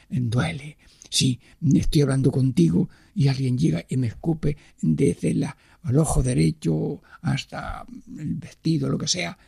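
A man giving a devotional radio sermon and prayer, halting with pauses and fillers and often sinking to a hushed whisper, close to the microphone. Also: medium pitch, vocal fry, breathy edge, no room sound. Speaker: radio preacher.

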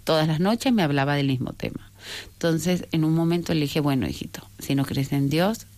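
Low-voiced woman telling a faith story. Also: moderate pace, darkish tone. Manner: earnest, searching, often repeats and corrects herself. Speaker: interview guest sharing a faith testimony. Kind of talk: personal storytelling.

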